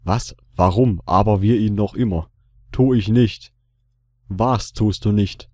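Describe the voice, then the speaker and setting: A man's voice: lowish voice, slow pace, mellow, no room sound, studio quality. A man hosting a gaming video in casual commentary, joking and repeating his own lines aloud. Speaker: let's play host.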